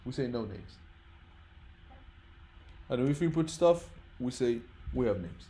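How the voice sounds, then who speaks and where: A man teaches programming informally in English, his third language, explaining step by step, repeating words and checking that people are following. His medium-pitched voice is expressive, slow and mellow.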